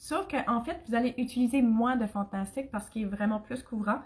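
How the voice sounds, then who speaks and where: A woman's voice: fairly high pitch, a little fast. Young acadian woman doing a makeup tutorial, sick and scratchy-throated, chatty, talks right to viewers. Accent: Acadian French. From Canada. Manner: chatty, addresses viewers and live commenters. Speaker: makeup demonstrator.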